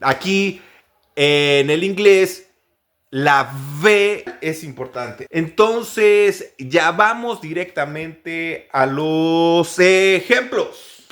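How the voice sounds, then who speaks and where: A man from Mexico with a Mexican Spanish accent teaches English pronunciation in a voice on the high side with a fairly bright tone. He goes slowly, drilling each practice word by repeating it many times.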